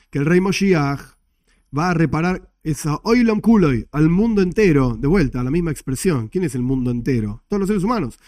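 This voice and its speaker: Man, lively teacher, rhetorical questions, slightly higher pitch, mellow tone, dry close sound. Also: no echo. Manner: animated, emphatic explaining with rhetorical questions and chuckles. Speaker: Torah class teacher. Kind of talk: religious study class with slides.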